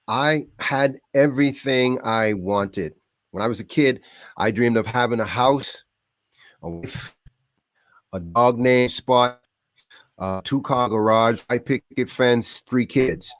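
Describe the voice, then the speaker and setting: A middle-aged man from the Bahamas, a podcast guest telling his life story in a casual, animated way. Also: medium pitch, dry recording. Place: home in New York.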